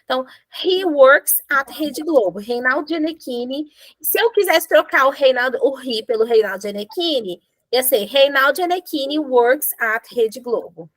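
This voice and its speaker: A Brazilian Portuguese-accented woman teaching English grammar with playful, animated explanations. Her voice sits high, and the sound is dry and close with no room around it. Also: moderate pace, no echo. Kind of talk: classroom grammar lesson.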